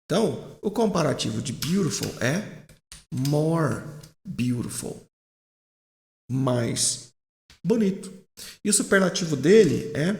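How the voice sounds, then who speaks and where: Brazilian guy teaching english grammar, bouncy pitch, gravelly edge, slows right down on the english words. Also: darkish tone, reverberant. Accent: Brazilian Portuguese. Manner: explains step by step, often checking in with "né?" and "certo?"; says English example words slowly and drawn out. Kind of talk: classroom-style explanation.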